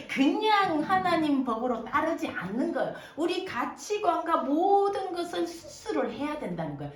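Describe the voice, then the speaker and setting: Lively woman pastor preaching in an echoey church. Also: sits high. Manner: lively preaching with questions to the congregation. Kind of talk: sermon. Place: church sanctuary. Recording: echoey church room, voice from a distance.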